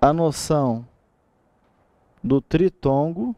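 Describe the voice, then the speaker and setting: A man's voice: a little high, slow, no room sound. A man with a Brazilian Portuguese accent giving an exam-prep grammar lecture, asking rhetorical questions and checking in with the class often. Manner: lively, asks rhetorical questions, frequent checks like "tá?". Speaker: teacher.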